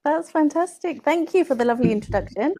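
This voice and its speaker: A woman's voice: high-pitched, fast talker. A woman, asking questions and nodding along with short listening sounds. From England. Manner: warm interviewer with steady listening sounds. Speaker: online English tutor. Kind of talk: casual video-call interview.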